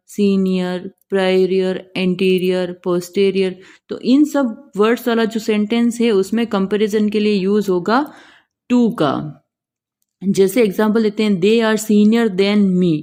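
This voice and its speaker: A woman teaching English grammar for an exam, explaining each rule step by step and repeating example words slowly. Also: mid-range voice, warm tone. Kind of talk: exam-prep grammar lesson.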